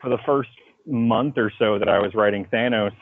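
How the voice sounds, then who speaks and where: A comic book writer chats casually in a phone call interview about his own work, spinning animated, slangy stories full of swearing. His voice is fairly low and gravelly at a normal speed. The recording is dry, with phone-quality sound.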